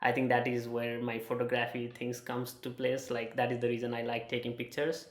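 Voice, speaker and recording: A young man from Nepal with a Nepali accent, sharing a personal testimonial in a halting way, with many fillers and restarts. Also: mid-range voice, completely flat delivery, echoey room. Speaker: student sharing his experience.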